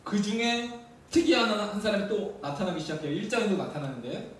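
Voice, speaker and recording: A man's voice: high voice, lively intonation, a little fast, a little hiss or hum. A man preaching a sermon as pastor, often asking the congregation questions. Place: church sanctuary. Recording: very echoey church hall, mic at a distance.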